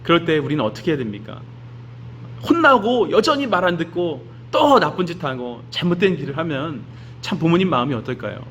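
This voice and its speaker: A man's voice: fairly high pitch, sing-song, brisk, a bit bright, muffled recording, slight background noise. A man giving a children's sermon in a church, telling a story and asking the children questions. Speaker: children's pastor.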